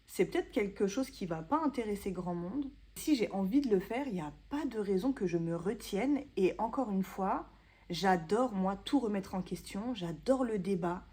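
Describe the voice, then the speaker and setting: French woman in her thirties, chatty self-mocking vlogger, soft mellow tone, casual talk to camera. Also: medium pitch, expressive, moderate pace, husky. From France. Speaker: booktuber. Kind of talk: casual vlog chat to camera.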